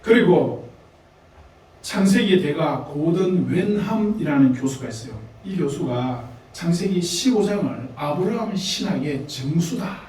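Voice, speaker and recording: A man's voice: on the high side, expressive, measured pace, darkish tone, very echoey, recorded from a distance, rough recording. A man with a Gyeongsang Korean accent preaching a sermon, talking conversationally to the congregation with laughs and asides. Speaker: pastor. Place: church sanctuary.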